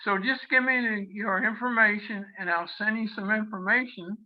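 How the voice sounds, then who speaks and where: A man's voice: sits high, fairly even intonation, moderate pace. A man in his nineties, a guest on a video call, cheerfully telling a casual story about his daily life. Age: 90s. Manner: chatty, cheerful anecdote-telling. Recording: dull lo-fi video call audio.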